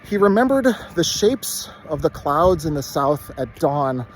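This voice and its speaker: A man with a somewhat higher-pitched voice recites literary prose by rote. He delivers it from memory in short, measured phrases. A light layer of ambient noise sits behind the voice. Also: sing-song, poor audio.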